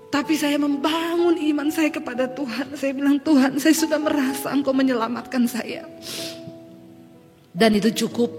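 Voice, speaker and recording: High-voiced Indonesian woman pastor preaching. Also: in a large hall. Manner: emotional, swings from soft confiding to high tearful pleading. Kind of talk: sermon with personal testimony. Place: church hall.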